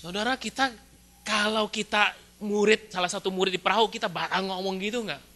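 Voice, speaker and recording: A man's voice: high voice, brisk. A male pastor from Indonesia giving a sermon in a church, chatty and full of rhetorical questions. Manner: lively, conversational preaching with rhetorical questions.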